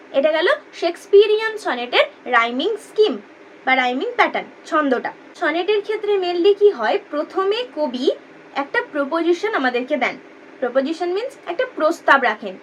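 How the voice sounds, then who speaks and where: A woman teaching a lesson, explaining patiently and repeating key terms slowly. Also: high voice, fairly bright tone, slight background noise.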